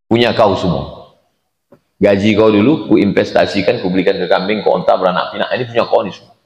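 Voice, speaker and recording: A man giving a sermon, reciting Arabic phrases and translating them with animated, sudden jumps in pitch. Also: quick pace, highs cut off. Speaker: Islamic preacher. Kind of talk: sermon teaching a hadith. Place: large echoing hall at a dawn gathering. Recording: roomy hall reverb.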